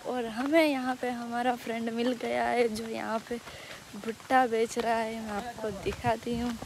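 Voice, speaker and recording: A woman's voice: on the high side, level tone, moderate pace, slight background noise. A young woman vlogging outdoors on a rainy hillside, talking to viewers through a phone camera held at arm's length. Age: young adult. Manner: chatty, addresses viewers directly. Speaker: travel vlogger. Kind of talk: casual travel vlog.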